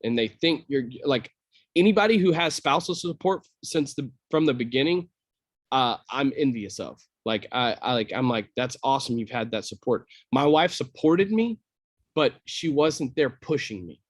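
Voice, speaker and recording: A man's voice: medium pitch, expressive, normal speed, no echo. A man, a small business owner, speaking bluntly and candidly as a podcast guest, often repeating his words. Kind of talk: casual interview chat.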